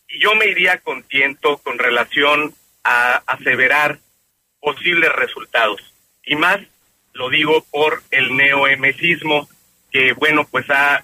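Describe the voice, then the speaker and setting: A man with a Mexican accent commenting on a radio panel in formal, measured phrasing. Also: mid-range voice, pushed and bright, rough recording. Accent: Mexican Spanish. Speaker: political panelist.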